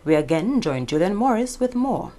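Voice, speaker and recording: A female news anchor introducing stories in a crisp, formal scripted reading. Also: medium pitch, sing-song, normal speed, mellow.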